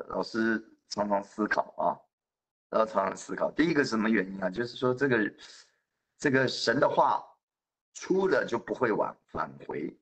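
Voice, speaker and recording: Lively storytelling male preacher. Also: medium pitch. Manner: lively storytelling with acted quotes. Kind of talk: sermon.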